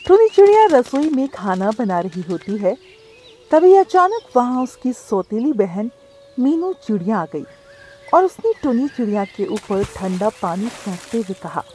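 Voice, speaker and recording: Expressive woman narrating a cartoon story. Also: fairly high pitch, a little slow.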